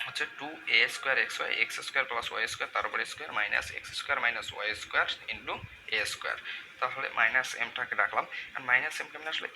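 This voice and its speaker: A man's voice: medium pitch, creaky. A man giving a step-by-step math lecture, asking questions and answering them himself. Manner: walks through algebra aloud, asks and answers own questions. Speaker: math tutor. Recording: noisy room sound.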